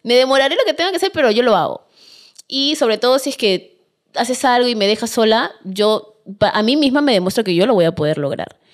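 A woman's voice: on the high side, expressive, fairly quick. A Peruvian woman, a guest on a podcast, telling her own story in a casual interview, candid and emphatic.

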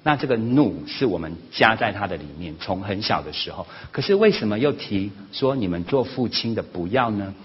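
A man giving a sermon-style parenting lesson at church, animated, often acting out family quarrels in a raised voice. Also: on the low side, moderate pace, hardly any pauses, breathy edge. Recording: slightly dull lo-fi recording with faint noise.

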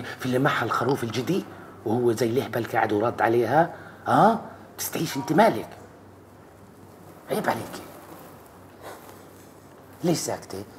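A man's voice: on the high side, a little hiss or hum, natural voice. A man playing a bossy, jealous husband who scolds his wife nonstop in a comedy sketch. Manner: nagging, scolding, quarrelsome.

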